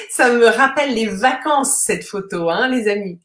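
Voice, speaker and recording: A woman teaching a live online lesson, her voice pitched a little high and her pace unhurried. She explains patiently, with plenty of fillers and friendly tag questions. The recording has a noticeably roomy echo. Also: expressive, fairly bright tone. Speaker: French teacher. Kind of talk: live-streamed vocabulary lesson, reading viewer comments.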